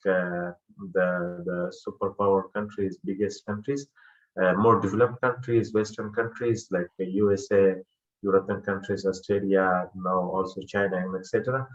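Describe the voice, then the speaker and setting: A man from Afghanistan speaks as a guest on an online panel. His voice sits very low, and he talks with frequent hesitations and fillers. The audio sounds muffled, as over a video call.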